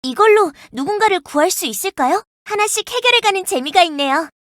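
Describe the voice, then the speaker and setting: A voice actress playing a young, earnest and protective firefighter in a game, polite and gentle, snapping into crisp radio-style reports. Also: female voice, very high voice, lively intonation, brisk, no echo, clean studio sound. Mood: calm, gentle. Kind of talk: game character voice lines. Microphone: dry studio mic.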